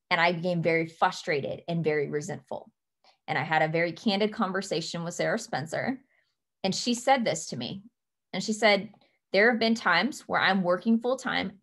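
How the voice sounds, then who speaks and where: A woman's voice: lowish voice, a bit bright. Earnest young woman coaching her team. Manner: earnest, emphatic, slows down to stress key points. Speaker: team leader. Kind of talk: motivational coaching talk.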